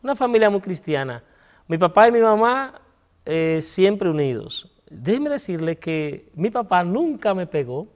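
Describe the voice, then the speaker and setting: A man with a Dominican Spanish accent and a fairly high voice tells his testimony as a priest on a TV interview. He speaks earnestly, dropping low and soft at painful moments. The sound has a long, hall-like reverb. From Dominican Republic.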